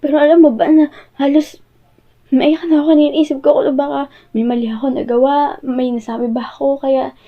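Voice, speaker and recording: A woman with a Filipino accent playing a hurt, jealous girlfriend in an audio role-play, pleading and halting as she confronts her partner. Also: high-pitched, little pitch movement. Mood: tearful, pleading. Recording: muffled, phone-like audio.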